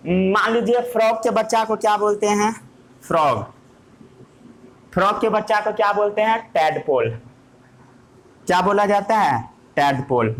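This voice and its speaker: Playful man teaching a class. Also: high voice. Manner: playful questioning of students. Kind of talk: classroom lesson.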